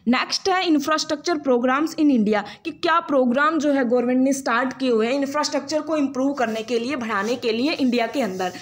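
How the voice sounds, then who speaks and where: A young woman with a Haryanvi Hindi accent teaching an exam-prep lecture, explaining patiently, restating points and often pausing with fillers. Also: sits high. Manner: explanatory, repeats herself, frequent fillers and restarts, mixes English terms.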